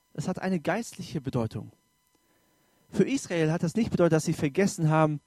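A man preaching a sermon in German in an informal, direct way, rising loud for emphasis and dropping soft. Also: fairly high pitch, dry recording.

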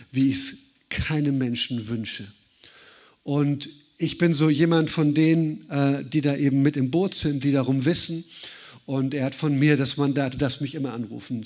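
A middle-aged man preaching a sermon in German, addressing the listener directly with rhetorical questions. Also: medium pitch.

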